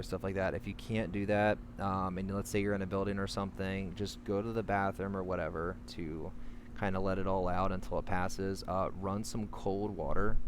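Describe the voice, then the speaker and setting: Man, low voice, anxious mid-panic vlogger giving personal advice, halting delivery, noisy humming recording. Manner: halting, rambling, trailing into self-corrections. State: in the midst of a panic attack, anxious. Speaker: vlogger sharing panic attack coping advice. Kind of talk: candid talk to camera, personal advice. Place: outdoors. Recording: clearly noisy, humming background.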